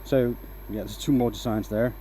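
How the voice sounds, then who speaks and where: While working on a woodturning live stream, a man from Denmark explains each step in a casual, relaxed way, asking "right?" again and again. His accent is light Danish, mostly a mix of English accents gathered online. He speaks at a moderate pace in a mid-range voice, and the poor audio has a little hiss or hum.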